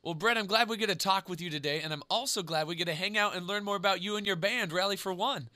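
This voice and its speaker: A man's voice: high voice, quick pace, bright, forceful tone, dry recording. A man hosting a radio interview in a chatty, friendly way with casual slang. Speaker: radio show host.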